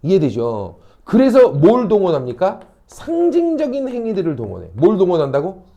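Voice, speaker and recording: A male academy teacher lecturing high school students, animated and constantly checking in with questions. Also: normal speed, lo-fi sound. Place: classroom.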